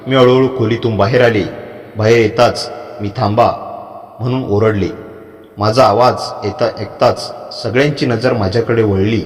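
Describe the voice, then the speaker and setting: A man narrating a dramatic first-person story in a measured reading style, with a long hall reverb on the voice. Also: medium pitch.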